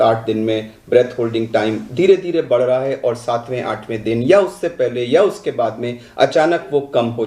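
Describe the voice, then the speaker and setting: Calm instructive man in an echoey room. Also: medium pitch, far from the mic. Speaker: doctor. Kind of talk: health demonstration talk. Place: indoor room.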